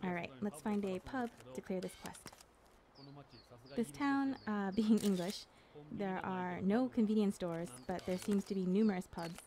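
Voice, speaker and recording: Female dub narrator, mid-pitched, casual developer-style commentary over gameplay. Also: unhurried, dark tone. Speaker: English dub narrator speaking a game director's commentary. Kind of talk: casual walkthrough commentary on a video game.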